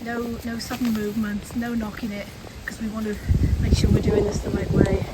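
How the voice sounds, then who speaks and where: A woman's voice: mid-range voice, level tone, brisk. A woman hosting a casual paranormal vlog, chatting and calling out to spirits outdoors in the wind. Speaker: host, paranormal investigator. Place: outdoors in a windy graveyard. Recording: very noisy windy outdoor recording.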